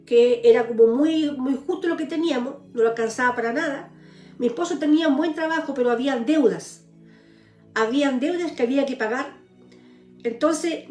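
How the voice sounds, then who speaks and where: Woman, high voice, earnest testimony, roomy echo. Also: darkish tone. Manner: earnest, tearful pleading prayers, addresses listeners as brothers. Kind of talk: live-streamed personal testimony.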